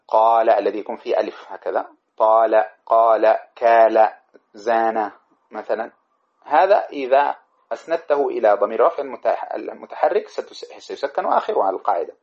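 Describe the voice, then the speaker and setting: Male teacher, brisk lecturer who recites verse, then drills examples; dull lo-fi recording. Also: medium pitch, animated. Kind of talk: lecture explaining a grammar poem.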